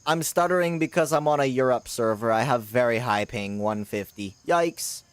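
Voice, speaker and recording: A man streaming a shooter game live, chatting casually and rambling with slang, with sudden loud outbursts of surprise. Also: medium pitch, expressive, normal speed, clear, resonant tone, dry recording.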